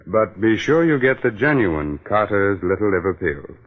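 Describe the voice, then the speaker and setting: Casting: teasing, mock-soothing mystery show host, deep register, old muffled radio sound. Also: male voice, big pitch swings. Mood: promotional. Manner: mock-soothing, chuckling, deliberate. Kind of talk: 1940s radio acting. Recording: muffled 1940s radio broadcast, music behind.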